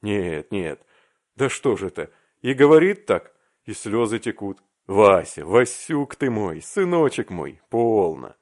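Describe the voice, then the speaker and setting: Brief: an effusive, excitable young man, put on by a male reader in an audiobook, pleading and exclaiming. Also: fairly low pitch, measured pace. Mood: excited exclaiming. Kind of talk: audiobook reading.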